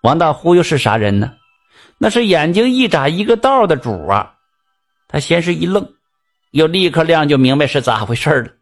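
Male storyteller, Northeastern Mandarin accent, folksy chatty folk-tale telling, slightly high voice. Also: sing-song, normal speed, faint music behind. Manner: chatty, folksy asides to the listener.

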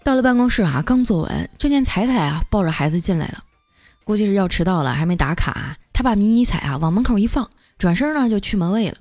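A woman hosts a comic storytelling podcast in an even, mid-pitched voice. She chuckles often as she tells her funny stories, and music plays clearly behind her. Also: quick pace. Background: background music.

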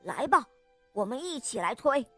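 A woman's voice: high-pitched, big pitch swings, normal speed, dry recording, faint music behind. A woman voicing an eager, chattering monkey in a children's story. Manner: chatty, puffing with effort. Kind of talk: storybook reading.

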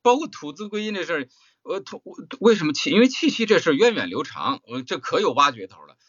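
Blunt, lively male voice-acting teacher. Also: fairly high pitch, quick pace, dry recording, dull audio. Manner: blunt, emphatic, full of rhetorical questions. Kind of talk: spoken workshop lecture.

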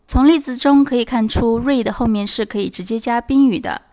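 A woman's voice: fairly high pitch, fairly quick, darkish tone, dull audio. A woman teaching a beginners' language lesson, spelling out words and patiently repeating example phrases. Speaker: English teacher. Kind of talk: slow scripted language lesson.

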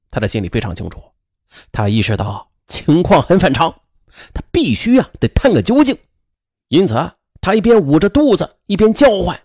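A man telling a true-crime story in a lively way, full of spoken fillers. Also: high-pitched, no room sound, clean studio sound.

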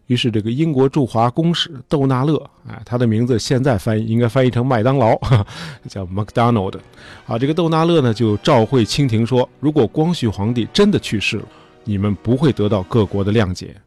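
Husky man telling history casually. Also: medium pitch, fairly quick, a little mellow, soft background music. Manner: chatty, many fillers like "呃" and "哎". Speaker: history show host.

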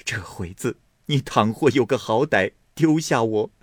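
A grieving middle-aged mother, lamenting and wailing over her injured son, as a male reader puts her on. The voice sits slightly raised, slow and dry. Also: medium pitch, expressive, dry recording. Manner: lamenting through tears.

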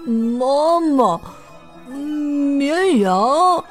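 A woman's voice: sits high, lively intonation, drawn-out words, faint music behind, exaggerated voice. A woman voicing a greedy, whiny young male wolf cub in a children's storybook, drawing out his calls and bursting into tantrums. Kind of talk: storybook read-aloud.

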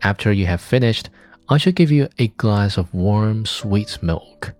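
Man reading as a blunt old farmer, low dark voice, plain and practical, quiet music behind. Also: expressive, measured pace. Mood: businesslike.

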